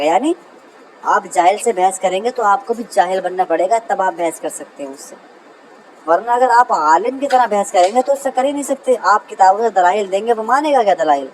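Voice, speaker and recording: A man teaching Arabic grammar in a lecture, who keeps calling his listeners brother, reads example sentences slowly and answers his own questions. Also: sits high, a little hiss or hum, poor audio. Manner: asks a question and answers it himself. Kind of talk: classroom lecture.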